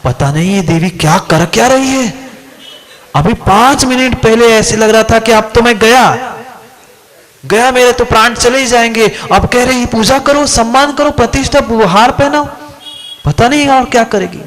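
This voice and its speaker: A man's voice: very high-pitched, unhurried, fairly bright tone, voice pushed up, low-quality recording. Man playing an anxious young scholar, fretful muttering, bewildered. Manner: muttering, worried asides.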